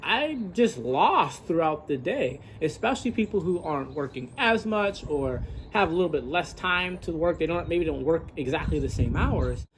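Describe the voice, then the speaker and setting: A man's voice: a little high, lively intonation, moderate pace, hardly any pauses, a little hiss or hum, rough recording. A man who works as a coach, thinking aloud in a casual, reflective, rambling vlog monologue outdoors. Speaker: fitness coach and gym owner vlogger.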